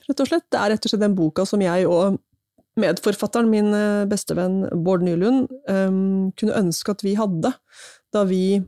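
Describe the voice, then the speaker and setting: A woman's voice: medium pitch, warm tone, dry recording, studio quality. A woman being interviewed as a guest in a library, chatting casually with frequent laughs and fillers. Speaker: guest, author and government minister.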